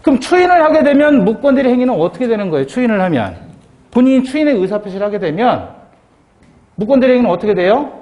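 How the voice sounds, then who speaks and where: A man's voice: very high-pitched, sing-song, fast talker, darkish tone. A middle-aged man lecturing on civil law for exam preparation, asking the class rhetorical questions and acting out little dialogues in quoted voices.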